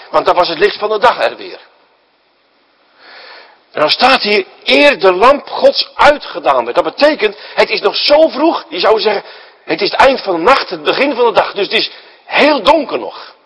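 A male preacher giving a sermon to his congregation, asking rhetorical questions and acting out the story, swinging between loud emphasis and quiet asides. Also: high-pitched, breathy edge, low-quality recording.

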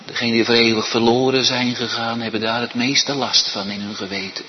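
A man preaching a sermon, swinging from loud, high appeals to hushed, almost whispered pleading. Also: fairly even intonation, a little fast, lo-fi sound, slight background noise. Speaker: pastor.

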